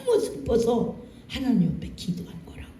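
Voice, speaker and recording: A preacher voicing a humble young woman in grief, pleading in a low, hushed voice, heard from far off in an echoey church hall. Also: wildly swooping pitch, moderate pace, in a whisper. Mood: grieving.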